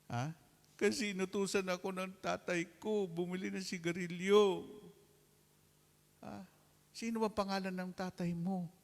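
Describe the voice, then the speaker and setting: A man giving a sermon as a lay preacher, preaching with animated call-and-response asides and acting out the anecdotes he tells. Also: high-pitched, a little slow, creaky, big-room sound.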